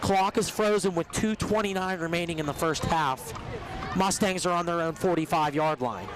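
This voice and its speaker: Calling football play by play, this announcer has a high, squeaky voice and sounds a bit ill. He still keeps pace with the action, fast and lively, in classic live sports commentary style.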